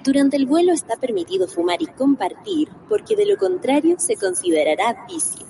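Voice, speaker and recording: A woman's voice: very high-pitched, big pitch swings, vocal fry, dark tone, a little hiss or hum. Woman on an airplane intercom. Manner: formal, measured flight-attendant delivery. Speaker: radio show intro announcer. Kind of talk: mock airline cabin announcement. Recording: distant voice, faint ambience.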